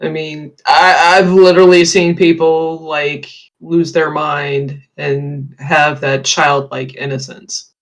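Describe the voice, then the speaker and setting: Slow guy on a video call, slightly high voice, keeps restarting his sentences. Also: little pitch movement, a bit bright. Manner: hesitant, restarting phrases. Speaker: roundtable guest. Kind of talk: casual discussion.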